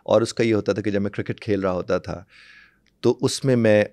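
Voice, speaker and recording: A man's voice: on the low side, steady tone, brisk, darkish tone, no echo, studio quality. A man giving an interview as a guest expert, explaining earnestly and repeating example words. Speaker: English language guest expert.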